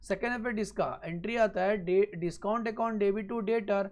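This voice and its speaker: A man's voice: sits high, darkish tone. Man drilling an accounting lesson. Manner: repeats each point slowly and checks understanding. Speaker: accounting teacher. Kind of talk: classroom lecture.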